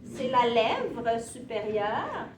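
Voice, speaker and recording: A woman's voice: a little high, big pitch swings, very slow. A woman teaching a class, speaking in short, simple phrases and demonstrating for learners. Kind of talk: classroom lesson. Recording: echoey classroom from far off, with room noise.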